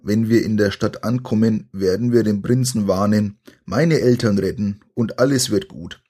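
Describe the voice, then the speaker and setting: A man's voice: fairly low pitch, moderate pace, lightly acted. A man voicing a young boy hero in a spoken adventure story, crying out in fear and reassuring his friend. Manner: frightened cries turning to steady reassurance.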